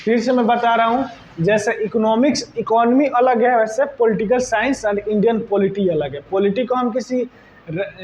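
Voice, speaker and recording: A male teacher with a Bihari Hindi accent gives a bilingual classroom lecture, explaining terms slowly and checking in with "right?". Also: high voice, a little mellow, a little hiss or hum, poor audio. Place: classroom with students present.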